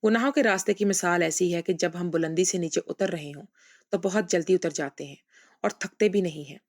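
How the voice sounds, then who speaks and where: A woman reading a first-person story aloud in an even, measured storytelling manner. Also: fairly low pitch.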